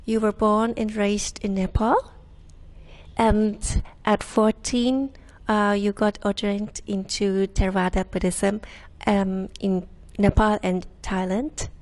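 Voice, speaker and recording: A woman hosting an interview, asking questions hesitantly with many pauses and fillers. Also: mid-range voice, level tone, darkish tone. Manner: hesitant, many ums and uhs. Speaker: interviewer host.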